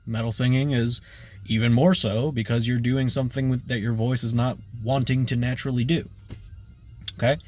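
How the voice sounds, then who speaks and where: A man gives an informal singing lesson, his voice sitting at an ordinary middle pitch. He rambles a little, stacking fillers and checking in with a quick "right?" as he explains. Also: steady tone, darkish tone, faint music behind. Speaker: vocal coach. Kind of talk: casual video lesson.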